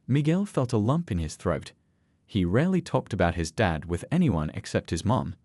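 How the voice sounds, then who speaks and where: Male narrator, scripted story, low pitch, animated intonation, dry close recording. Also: normal speed, dry recording.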